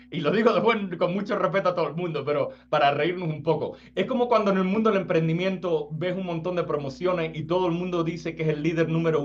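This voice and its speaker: A man giving an informal spiritual talk, casual, often checking whether the listener follows. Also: a little high. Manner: casual, asks "does it make sense?" often. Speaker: spiritual teacher. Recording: slightly dull sound, faint music.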